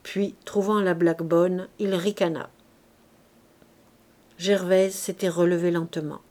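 A woman narrating a classic novel as an audiobook reader, in a measured storytelling manner. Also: lowish voice, steady tone, darkish tone.

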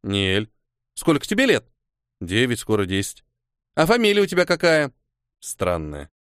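A man's voice: huge pitch swings, fairly bright tone, smooth, no echo, clean studio sound. A man voicing a pushy eight-year-old girl who fires off questions insistently. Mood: inquisitive. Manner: rapid-fire questions, high and insistent. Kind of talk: audiobook character voice.

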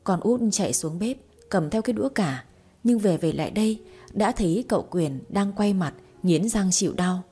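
Mellow, husky woman narrating a story. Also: mid-range voice, normal speed, soft background music. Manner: steady, expressive storytelling. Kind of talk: audiobook narration.

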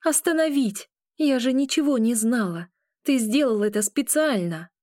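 A woman's voice: a little high, moderate pace, dark tone, no room sound, clean studio sound, voice pushed up, close to an everyday voice. A woman voicing a frightened, hot-tempered young witch in a raised, emotional delivery. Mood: angry, panicked.

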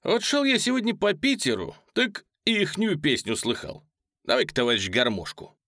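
A man voicing a bold, defiant male singer who shouts commands in a loud, lively voice. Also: a little high, normal speed, no room sound, studio quality, voice pushed up. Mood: mocking.

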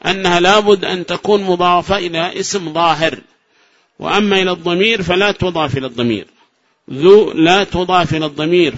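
A man from Yemen teaching a grammar lesson, quizzing listeners with short rhetorical questions and repeating examples slowly. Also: high-pitched, a bit bright. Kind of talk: classroom lecture. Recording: dull lo-fi lesson recording.

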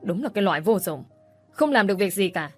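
A woman's voice: mid-range voice, sing-song, fast talker, soft background music. Woman reading as a spiteful scolding young woman. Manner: harsh, scolding. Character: spiteful scheming young woman, shrill bully.

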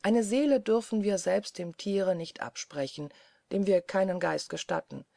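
A woman voicing an earnest male scholar's assistant who speaks in a dry, measured, lowered voice. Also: creaky, mellow, dry recording, close to an everyday voice. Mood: grave, hushed.

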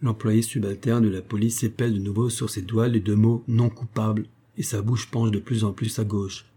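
A man narrating a novel as an audiobook in a measured, theatrical storytelling manner. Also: on the low side, flat delivery, dark tone, husky. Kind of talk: scripted narration.

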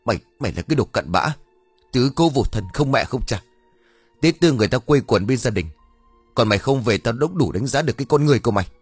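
A man's voice: mid-range voice, lively intonation, fast talker, husky, dry recording, soft background music, voice pushed up. A man voicing a quarrelsome older landlady, hurling insults. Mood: angry scolding.

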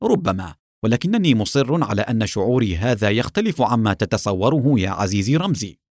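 Storybook hero: calm resolute captain, read by a man, low and firm. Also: no echo, studio quality. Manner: firm and measured.

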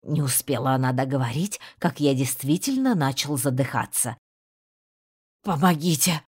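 A woman narrating an audiobook in a steady, even storytelling manner. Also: a bass voice, normal speed, breathy edge. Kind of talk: scripted narration.

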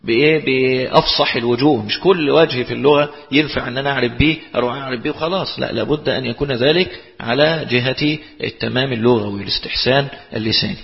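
A man with an Egyptian Arabic accent lectures a class on a text, his mid-range, gravelly voice moving quickly with few pauses. He explains points and asks rhetorical questions he then answers, captured in a lo-fi recording in a reverberant hall.

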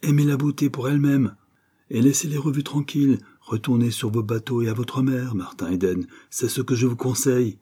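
A man voicing an ailing, cynical male poet who speaks with sardonic, emphatic outbursts in a husky voice. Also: medium pitch, fairly even intonation, a little fast, dark tone, voice pushed up, lightly acted. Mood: exhorting.

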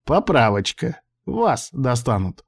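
A man voicing an irritable male professor who lives inside a laptop, shouting orders and sneering. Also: mid-range voice, animated, normal speed, voice pushed up, natural voice. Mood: snide.

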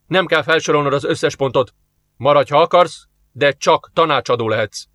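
A man's voice: a little high, a bit bright, no room sound, studio quality, voice pushed up, natural voice. A man voicing a stern, hostile male alien warlord in an audiobook, talking in curt commands.

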